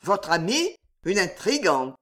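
A woman's voice: on the low side, very animated, slow, fairly bright tone, heavily acted. A woman reading an audiobook, voicing a terse, possessive king. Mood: commanding. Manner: terse, commanding. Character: adult male king, curt and possessive.

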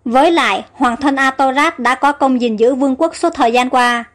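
A woman's voice: sits high, normal speed, soft background music, natural voice. A woman reading the part of a fearful, loyal older male minister who speaks nervously and pleads, within a storybook audio tale.

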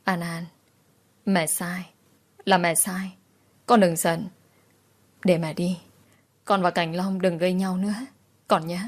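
A woman voicing a tearful older mother-in-law, speaking softly in a choked, pleading way. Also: fairly low pitch, flat delivery, takes it slowly, long pauses.

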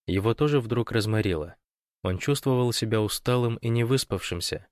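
A man narrating an audiobook in an even, measured way. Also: mid-range voice, no echo, clean studio sound. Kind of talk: scripted narration.

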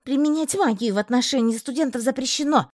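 A woman's voice: high-pitched, a little fast, no echo, clean studio sound, voice pushed up. Woman doing a snappy, spiteful young roommate. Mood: defensive snappy. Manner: defensive, snappy. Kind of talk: audiobook character voice.

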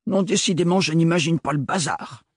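A man's voice: fairly high pitch, fairly quick, husky, dry recording, clean studio sound, voice pushed up. A man reading aloud, voicing a grumpy old great-uncle who scolds in indignant outbursts in a storybook. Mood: grumbling.

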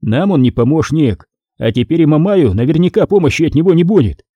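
A man reading a historical novel aloud as an expressive narrator. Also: on the high side, brisk, no echo. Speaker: audiobook reader. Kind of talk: audiobook narration.

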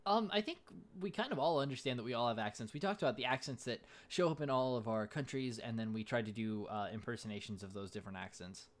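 A man's voice: mid-range voice, quick pace, hardly any pauses. A man co-hosting a casual podcast. He talks hesitantly, with many fillers and restarts. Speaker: podcast co-host.

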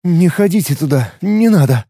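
Man doing a dry sarcastic fighter, dark mellow tone, lively swings in pitch, close dry sound. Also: normal speed, breathy edge, dry recording. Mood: fake frightened whisper. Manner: dry, mocking inner voice. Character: sardonic cunning male fighter.

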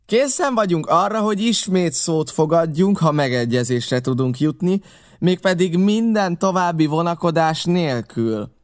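A man's voice: fairly high pitch, lively intonation, voice pushed up, natural voice. A man doing a sly, jovial one-legged pirate. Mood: ingratiating. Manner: ingratiating, overly polite.

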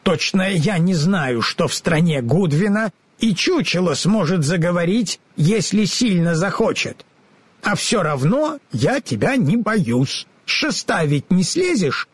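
Man doing a cheeky crow, hoarse cawing voice, raised pitch, mocking, audiobook. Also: very animated, unhurried, no echo, exaggerated voice. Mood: scoffing. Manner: mocking, brash. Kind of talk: audiobook character voice.

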